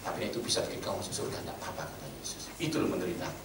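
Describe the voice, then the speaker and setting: A man preaching a sermon in Javanese-tinged Indonesian, blunt and animated, swinging between loud outbursts and hushed asides. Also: low-pitched, rapid-fire, gravelly. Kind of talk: sermon with storytelling. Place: church meeting hall. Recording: roomy echo, from a distance, faint background hum.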